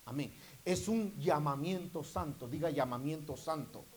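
Preacher guy, kinda high voice, keeps calling out to the church and gets loud on the big points, slight hiss. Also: measured pace, low-quality recording. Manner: calls out to the congregation, rising to loud emphatic bursts. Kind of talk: sermon.

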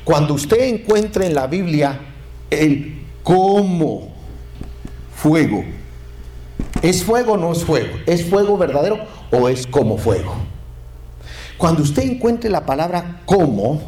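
A man's voice: on the high side, unhurried, echoey room. A man preaching a sermon, calling on the congregation for amens. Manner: lively, calls to the congregation for amens. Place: church.

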